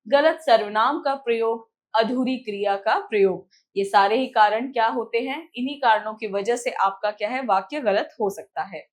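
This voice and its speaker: Woman teaching children, somewhat high voice. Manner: slow, stressed reading of example words; asks questions then answers them herself. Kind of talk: children's grammar lesson.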